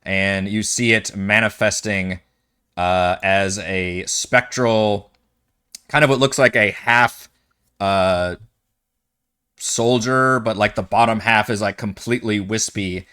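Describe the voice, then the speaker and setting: Low-pitched man as game master. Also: fairly even intonation, slow, pushed and bright, clear, resonant tone. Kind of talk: narrating a tabletop game, casual.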